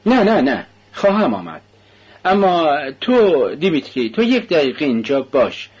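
A man reading a novel aloud, voicing a restless, agitated poor young man in a raised, husky voice. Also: on the high side, sing-song, darkish tone, lo-fi sound, pitched above the performer's own voice.

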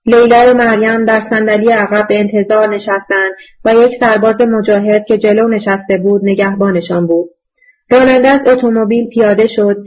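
Subdued woman narrating an audiobook. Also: a little high. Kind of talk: scripted narration. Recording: dull lo-fi recording.

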